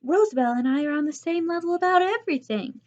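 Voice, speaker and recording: A woman voicing a bossy, dramatic young schoolgirl who talks high, excitable and whiny, from a slightly dull audiobook recording. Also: moderate pace, natural voice.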